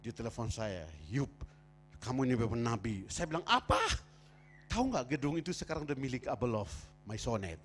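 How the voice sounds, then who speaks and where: A man preaching a sermon in church, moving from quiet storytelling to loud, shouted preaching. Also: medium pitch, expressive, fairly quick, soft background music. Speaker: pastor. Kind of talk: sermon with personal stories.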